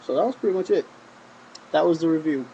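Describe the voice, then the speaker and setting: Male reviewer, mellow gravelly voice, casual rambling delivery. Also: fairly high pitch, fast talker, highs cut off, slight background noise. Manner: rambling, with frequent "I mean" and restarts. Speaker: wrestling show reviewer.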